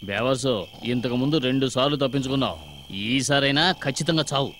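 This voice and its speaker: An actor playing an angry village man who threatens and complains loudly about his sister. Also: mid-range voice, fairly even intonation, fast talker, a little hiss or hum, lightly acted. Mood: menacing. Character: hot-tempered village man, vengeful brother. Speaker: angry brother of a wronged sister. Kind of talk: dubbed film comedy dialogue.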